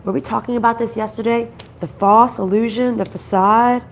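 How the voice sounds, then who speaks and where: A woman gives an intuitive card reading in a groggy, gravelly voice that sounds off from throat trouble. She speaks conversationally and haltingly, circling back over phrases and asking questions. There is faint noise in the background. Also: fairly high pitch, steady tone. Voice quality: groggy, croaky voice. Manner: halting, repeats phrases, asks rhetorical questions. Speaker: spiritual card reader, host.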